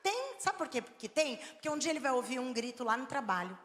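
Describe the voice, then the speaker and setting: A woman preaching a sermon in Brazilian Portuguese, animated, moving between soft, coaxing talk and firm, loud emphasis. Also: high-pitched, fairly quick. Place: large church hall. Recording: long hall reverb.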